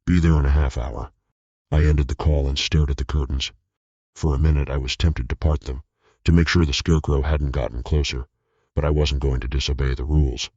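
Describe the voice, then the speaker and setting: A man narrating a scripted horror story in a steady, tense way. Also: a bass voice, brisk, breathy edge, no room sound. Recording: dull lo-fi recording.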